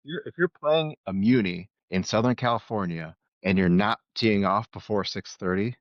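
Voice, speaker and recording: A man co-hosting a casual podcast, telling stories in an animated way over a dull, dry remote mic. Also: lowish voice, normal speed, no echo. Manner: storytelling, animated. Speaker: podcast co-host. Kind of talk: casual chat.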